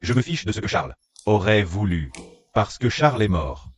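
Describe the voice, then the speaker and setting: A man's voice: fairly low pitch, sing-song, normal speed, slight background noise. A man dubbing a hostile board member who speaks curtly and with scorn. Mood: scornful. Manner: curt and scornful. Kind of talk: French dub of a short drama.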